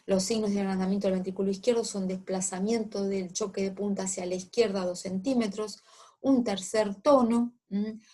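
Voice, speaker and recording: Female lecturer, mid-range voice, measured teaching delivery with hesitations and "eh" fillers. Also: medium pitch, fairly even intonation, dark tone. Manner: explanatory, with frequent "eh" fillers and check-ins. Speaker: medical lecturer. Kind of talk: recorded medical lecture.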